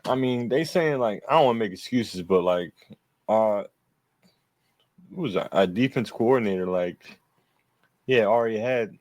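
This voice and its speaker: Male podcast co-host, lower voice, crude trash-talking sports banter. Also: moderate pace, long pauses, darkish tone, no room sound. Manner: profane, laughing, trash-talking. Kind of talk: casual sports chat.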